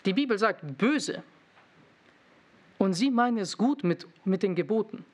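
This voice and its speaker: A man's voice: sits high, lively intonation, a little fast. A young man preaching a sermon, asking the congregation questions and teasing them with irony.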